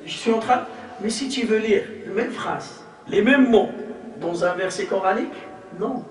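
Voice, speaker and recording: A man's voice: high-pitched, moderate pace. A man teaching a religious lesson to a group, repeating points with emphasis, demonstrating pronunciation and asking rhetorical questions. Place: hall of a community association. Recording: echoey hall, mic far off.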